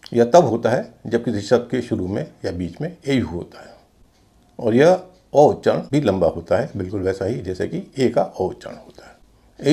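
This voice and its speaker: A man's voice: medium pitch, dark tone. A man teaching English pronunciation in a lesson, spelling words out letter by letter and then saying them. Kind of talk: explanatory lesson.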